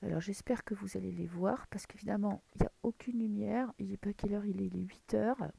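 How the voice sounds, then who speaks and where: A woman's voice: medium pitch, brisk, gravelly, dark tone, husky. A woman with a French accent chatting casually while she reads tarot cards, rambling with many fillers and restarts. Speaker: tarot reader. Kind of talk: casual chat with tarot reading. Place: dim room at home, early morning.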